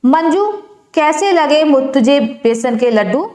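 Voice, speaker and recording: A woman's voice: high-pitched, expressive, slow, mellow. A woman voicing a harsh, scolding stepmother who taunts the children. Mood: scornful. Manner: scornful, taunting. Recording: echoey room.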